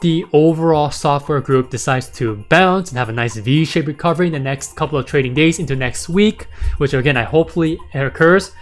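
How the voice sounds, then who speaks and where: In casual chat on his stock market livestream, a man speaks fairly quickly in a fairly high, raspy, sore voice, with faint music behind him. He rambles, repeats words, and frequently tags on "right?" and "okay?".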